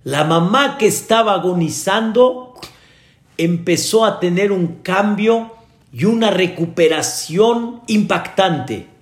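A man's voice: high voice, animated, takes it slowly. A man, a rabbi giving an earnest sermon told as a story to his congregation. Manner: earnest preacher addressing the congregation directly. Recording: echoey room.

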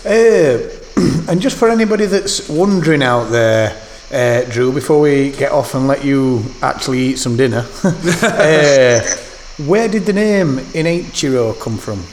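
A man's voice: medium pitch, expressive, a little mellow, slight background noise. Upbeat, eager man in casual chat. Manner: upbeat, eager, quick to agree.

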